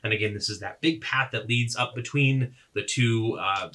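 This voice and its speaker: Young guy running a tabletop game, bright tone, lots of ums and restarts. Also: mid-range voice, moderate pace. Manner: rambling, self-correcting descriptions with many fillers. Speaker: game master.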